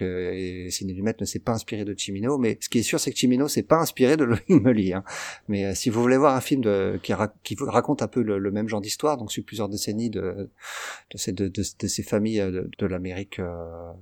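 A man's voice: on the low side, brisk, a little mellow. A man co-hosting a film podcast, giving blunt opinions with frequent stammering restarts. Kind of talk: casual film review chat.

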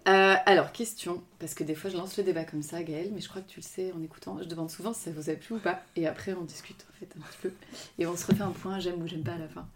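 A woman hosting a book club podcast, chatting casually, laughing often and trailing off into soft asides. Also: on the low side, fairly even intonation, quick pace, slight background noise. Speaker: podcast host.

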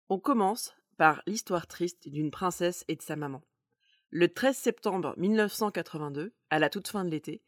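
A podcast host narrates semi-scripted stories in a conversational way, adding wry asides. Her voice sits on the low side. The studio sound is clean, with no echo.

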